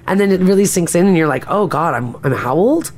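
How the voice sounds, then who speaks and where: A woman's voice: lowish voice, animated, brisk, a little mellow. A woman co-hosting a casual podcast, reading listener texts aloud and chatting about them. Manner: chatty, reads messages aloud with asides. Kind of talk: casual chat.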